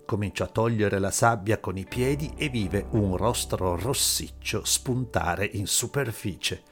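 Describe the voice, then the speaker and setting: A man reading a story aloud in a calm, measured audiobook narration over faint music. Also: lowish voice. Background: faint background music.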